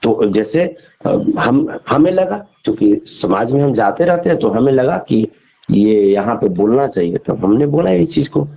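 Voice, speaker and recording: Heard through a dull, lo-fi phone connection, the interview guest is a man with a creaky, medium-pitched voice and big pitch swings. He takes his time but argues insistently, repeating phrases and asking rhetorical questions.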